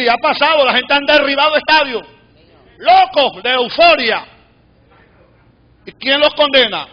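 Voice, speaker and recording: Fervent high-voiced preacher, shouting. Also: male voice, dull audio. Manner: preaching with loud shouted peaks and sudden drops to a low murmur. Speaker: pastor. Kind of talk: fervent sermon. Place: church sanctuary.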